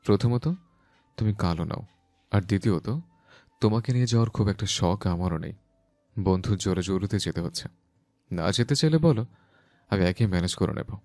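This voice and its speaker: Man voicing a gruff irritable husband, lowish voice, impatient, audio story. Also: steady tone, a little fast, long pauses, a little mellow. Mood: irritated. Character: stern, irritable young husband. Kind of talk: Bengali audio story acting.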